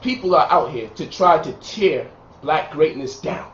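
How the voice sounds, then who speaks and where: A man from Brooklyn holds forth with emphatic, boastful, preacher-like cadence, his voice pitched high. He is caught from a distance in an echoey room on a dull, muffled recording. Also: animated, measured pace, fairly bright tone. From Brooklyn, New York. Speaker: lecturer and author. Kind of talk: heated sit-down interview.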